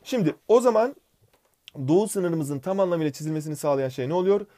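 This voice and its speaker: Young guy teacher cracking jokes thru a history lesson, talks super fast, dark mellow voice. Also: a little high, lively intonation. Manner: fast, joking, addresses sidekick by name. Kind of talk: comedic exam-prep lesson.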